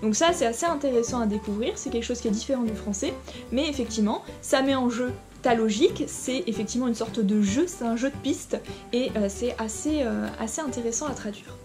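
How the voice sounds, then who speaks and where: A woman's voice: fairly high pitch, fairly quick, music in the background. A woman teaching a short lesson, talking directly to the viewer in an informal way with frequent hesitations. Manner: informal, addresses viewer directly, many fillers. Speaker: Latin teacher. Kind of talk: explanatory lesson video.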